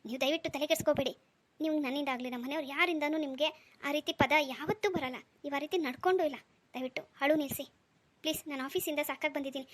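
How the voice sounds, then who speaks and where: A woman's voice: sits high, rapid-fire, lightly acted. A woman voicing a protective husband and father in a cartoon, scolding and soothing by turns. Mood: consoling. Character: protective husband and father, stern yet tender. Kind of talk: cartoon dialogue.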